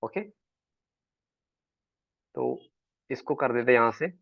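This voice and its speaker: A man's voice: medium pitch, sing-song, takes it slowly, no echo. A man teaching an online sales class, chatty and always checking in with his students. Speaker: sales trainer. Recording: dull, dry online call audio.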